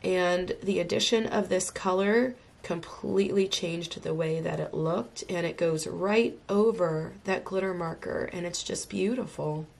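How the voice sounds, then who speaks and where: A woman with a fairly low, creaky, slightly mellow voice speaks at a measured pace with fairly even intonation and hardly any pauses. Slightly congested from illness, she chats enthusiastically through a coloring tutorial while drawing at her home craft desk.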